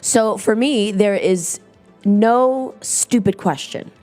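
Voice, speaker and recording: A woman's voice: medium pitch, slow, darkish tone, faint music behind. A woman co-hosting a show, chatty and playful. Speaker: co-host. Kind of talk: casual show chat.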